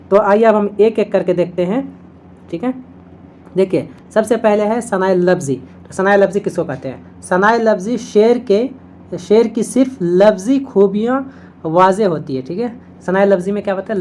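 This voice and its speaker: A woman teaching an exam-prep video lesson, explaining each point step by step, checking in with listeners often and reciting couplets slowly. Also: medium pitch, a little mellow, a little hiss or hum.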